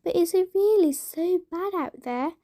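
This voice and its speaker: A woman's voice: very high voice, animated, measured pace, mellow, voice pushed up. Rapunzel, a wistful young girl, voiced by a woman. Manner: wistful, questioning.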